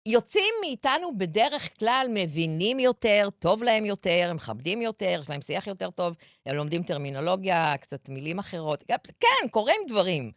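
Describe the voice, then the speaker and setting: A woman's voice: medium pitch, big pitch swings, a bit bright, no echo, studio quality. A woman who works as a couples and family counselor talks on a podcast, explaining in a lecturing way and acting out what spouses say. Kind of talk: podcast conversation.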